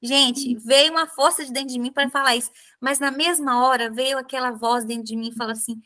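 A woman's voice: high-pitched, steady tone, a little fast, pushed and bright. A woman with a Brazilian Portuguese accent hosting a podcast interview, speaking earnestly as a mother with many tag questions and fillers. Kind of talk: conversational interview talk.

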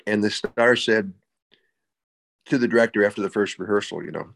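A man's voice: lowish voice, a little fast, vocal fry, fairly bright tone. A man, an actor guest, telling stories in casual chat, repeating words as he searches for them.

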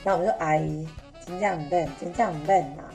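A young woman with a Taiwanese Mandarin accent telling a story on a podcast, animated and laughing, acting out an old customer's lines in Taiwanese. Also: fairly low pitch, quick pace, soft background music. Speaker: podcast host. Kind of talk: casual chat, storytelling.

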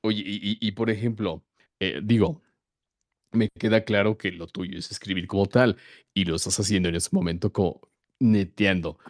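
A man hosting a casual podcast interview, encouraging his guest, with halting repeated starts. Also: on the low side, no echo, studio quality. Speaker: podcast host.

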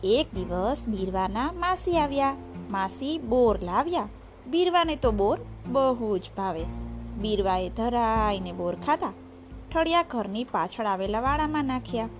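A woman narrating a children's story, warm and expressive with a sing-song delivery. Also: fairly high pitch, unhurried, faint music behind.

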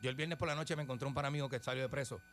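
A Puerto Rican man co-hosting morning radio, heckling in fast comic banter. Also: mid-range voice, slight background noise. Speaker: radio co-host.

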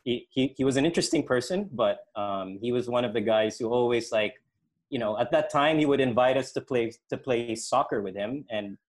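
A middle-aged man with a mid-range, fairly quick voice speaks casually as an interview guest, explaining things and recounting his own experiences. He organises sports programmes and officiates futsal, and his background spans Indonesia, Hong Kong and the Philippines.

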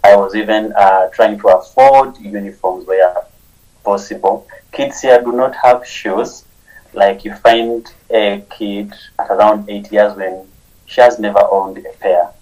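Soft-spoken young man. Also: lowish voice, fairly even intonation, lo-fi sound. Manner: sincere, halting, repeats words often. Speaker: nonprofit founder, interview guest. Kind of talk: conversational interview.

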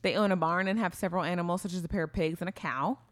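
A woman's voice: lowish voice, rapid-fire, no echo. A woman co-hosting a podcast in casual, rambling chat, full of restarts and fillers. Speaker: podcast co-host.

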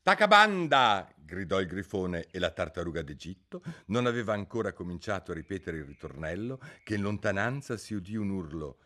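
A man narrating a children's storybook in an expressive, unhurried way. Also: sits low. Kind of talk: audiobook narration.

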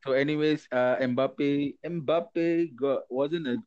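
A man's voice: on the high side, slow, darkish tone, no room sound, highs cut off. A man with a Singaporean accent chatting casually in Singlish mixed with Malay, recapping a football match as a podcast co-host. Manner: Singlish, code-switching between English and Malay.

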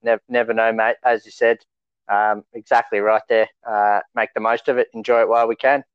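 On a fantasy rugby league podcast, an Australian co-host keeps the talk relaxed and matey in a clear, resonant voice that sits on the low side. He speaks briskly with a level tone. The recording is dry, on slightly dull lo-fi audio.

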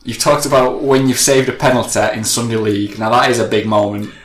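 A man's voice: mid-range voice, little pitch movement, brisk, a bit bright, roomy sound. A man hosting a casual interview, friendly and prompting with short questions. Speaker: host.

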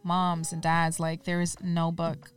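Low-voiced woman, earnest and chatty. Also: completely flat delivery, unhurried, smooth, distant mic. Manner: earnest, uses filler like "like" and "um". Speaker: interview guest. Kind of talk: casual podcast conversation.

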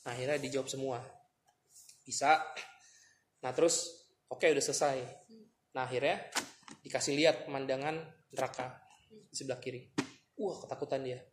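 A man's voice: medium pitch, steady tone, moderate pace, long pauses, a little hiss or hum. A man chatting casually as a podcast co-host, telling a long story and acting out its dialogue. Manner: storytelling, retells scenes with quoted dialogue.

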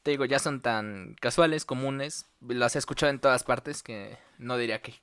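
A man's voice: medium pitch, moderate pace, fairly bright tone, clean tone, no echo, clean studio sound. A man with a Mexican accent, a musician guest on a podcast, talking easily with amused hesitations. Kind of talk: casual chat.

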